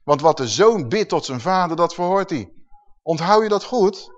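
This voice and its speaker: A man's voice: high-pitched, animated, moderate pace. A male preacher giving an emphatic sermon and asking the congregation questions. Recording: dull lo-fi recording.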